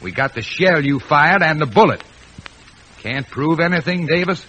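An actor playing a tough, sardonic American police detective with clipped hard-boiled talk in an old radio crime drama. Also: male voice, fairly high pitch, animated, moderate pace, a bit bright. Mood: stern, sardonic. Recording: noisy vintage radio recording.

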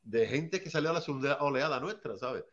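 A man's voice: mid-range voice, lively intonation, brisk, a bit bright, muffled recording. A man from Seville, telling hip hop anecdotes in a rambling, casual way and often asking "¿sabes?". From Seville, Spain. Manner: rambling, tags lines with "¿sabes?". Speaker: early hip hop artist.

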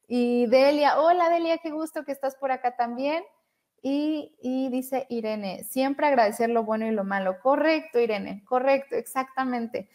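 A woman's voice: high voice, measured pace. Upbeat woman coaching on a live stream. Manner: warm, encouraging, reads out viewer comments. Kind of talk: motivational live stream talk.

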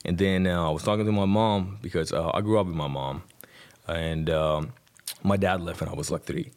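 A man in his twenties speaks at normal speed in a low-pitched, slightly mellow voice with an Iranian accent. Originally from Iran with Persian as his first language, this rapper and podcast guest relates his personal story informally, dropping in "like" and "you know."

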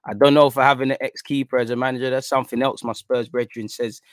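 A man's voice: medium pitch, little pitch movement, quick pace, dry recording. London roadman man talking football, dry close sound. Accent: London, urban street slang. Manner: slangy roadman-style talk, addressing listeners as bro and man. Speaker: football fan content creator. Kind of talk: casual football chat to an audience.

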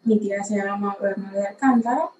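A woman's voice: mid-range voice, a little mellow, echoey room, muffled recording, a little hiss or hum. A nineteen-year-old woman from the Republic, hosting a podcast and giving a personal faith testimony in a reflective, slightly unsure way while facing a camera. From Dominican Republic. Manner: unhurried, reflective, a little unsure. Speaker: podcast host.

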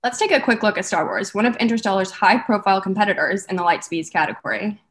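A woman's voice: medium pitch, fast, natural voice. A young woman playing a bubbly red carpet host in a scripted student comedy sketch. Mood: upbeat. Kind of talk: scripted mock awards-show hosting.

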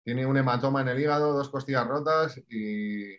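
A man with an accent from Spain in a casual sports chat, colloquial and excitedly repeating his words. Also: mid-range voice, moderate pace, dull audio.

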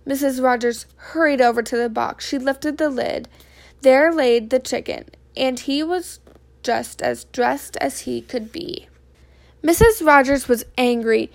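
A woman reading a children's picture book aloud with expressive storytelling. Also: sits high, gravelly. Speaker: reader.

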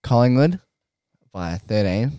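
A young Australian man co-hosting a podcast, joking excitably and stumbling over his words in casual footy chat. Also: mid-range voice, takes it slowly, clear, resonant tone, no room sound, clean studio sound. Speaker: podcast co-host.

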